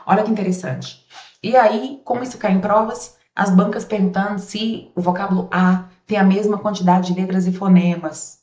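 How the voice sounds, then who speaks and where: A woman's voice: mid-range voice, warm tone. Brazilian woman teaching, roomy and distant. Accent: Brazilian Portuguese. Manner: demonstrates sounds aloud, asks rhetorical questions. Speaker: grammar teacher. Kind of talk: recorded class lesson. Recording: roomy, distant, dull sound.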